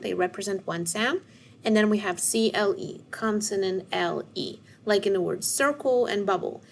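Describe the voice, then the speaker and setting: A woman's voice: medium pitch, slight background noise. Woman teacher sounding out syllables. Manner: slow, clear over-enunciation of syllables. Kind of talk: recorded phonics lesson for children.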